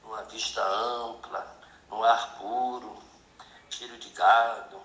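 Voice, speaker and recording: A man from Bahia with a Bahian accent, talking calmly in an online meeting. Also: lowish voice, slow, echoey room, low-quality recording. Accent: Bahian Brazilian Portuguese. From Bahia, Brazil. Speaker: meeting participant.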